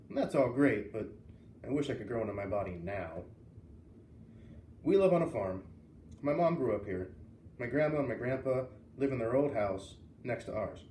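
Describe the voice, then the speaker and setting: A man with a dark-toned, medium-pitched voice narrates a children's novel, expressively performing the characters' lines. The audio sounds roomy and distant, with a faint hiss in the background.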